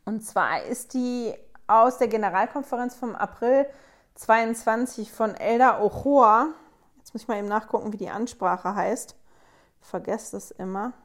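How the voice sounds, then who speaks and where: A woman's voice: a little high, unhurried. A woman hosting a casual scripture study, thinking aloud and retelling a story conversationally. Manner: conversational, wonders aloud, acts out quotes. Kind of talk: casual Bible study talk.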